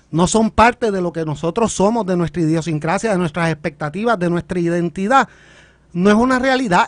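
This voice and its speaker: A Puerto Rican man argues politics on a panel in long, emphatic runs. His voice is notably high, and the sound is close and dry, with no room around it. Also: dry recording. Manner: argumentative, builds points at length, emphatic.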